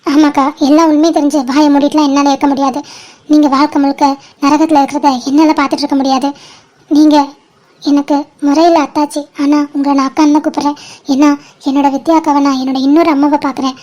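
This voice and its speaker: A woman voicing a bold, loyal young woman in an animated cartoon, earnest in one moment and cheekily teasing in the next. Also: sits high, close to an everyday voice. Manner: earnest and teasing by turns, fast-talking.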